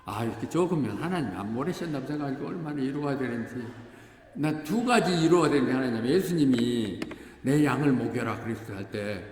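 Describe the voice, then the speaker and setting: An older man preaching a conversational sermon as pastor, often acting out quoted voices with sudden pitch jumps. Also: expressive, a little fast, darkish tone. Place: church hall. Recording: echoey church hall with faint background noise.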